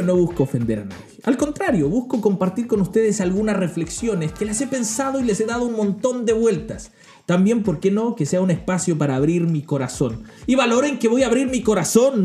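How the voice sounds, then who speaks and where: This young Chilean podcast host has a high, darkish voice with big pitch swings and a fairly quick pace, with faint music behind him. He jokes about faith in a self-mocking monologue and imitates other people's voices, speaking Chilean Spanish.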